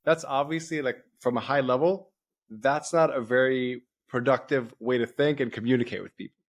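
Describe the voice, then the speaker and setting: A man's voice: medium pitch, fairly even intonation, moderate pace. A man on a podcast explaining a coaching method, often quoting his own inner thoughts as he goes. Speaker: performance coach. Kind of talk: podcast interview, coaching talk.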